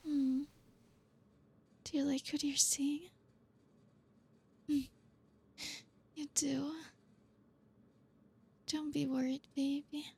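A young woman whispering softly in an intimate ASMR roleplay, reassuring and coaxing, with frequent low hums. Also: little pitch movement, gravelly. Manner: soft unvoiced whispering, slow and soothing.

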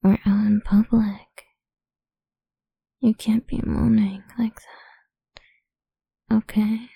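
A young woman whispering softly and teasingly in an intimate audio roleplay, humming between lines, close to the mic. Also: medium pitch, flat delivery, drawn-out words, vocal fry, husky, dry recording. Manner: soft teasing whisper, murmured hums.

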